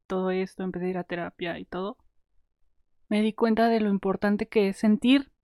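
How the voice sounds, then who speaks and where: Candid young Mexican woman, mellow voice. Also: mid-range voice, no echo, clean studio sound. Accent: Mexican Spanish. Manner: candid, acts out her own inner voice. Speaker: vlogger. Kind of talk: casual advice talk to camera.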